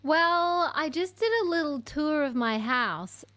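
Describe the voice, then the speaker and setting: An Australian singer-songwriter in her thirties chats casually about her music in an interview, laughing often, from a home room lined with bookshelves. Her voice sits high and fairly bright, with lively intonation and an unhurried pace. She wears headphones and uses a studio mic on a stand.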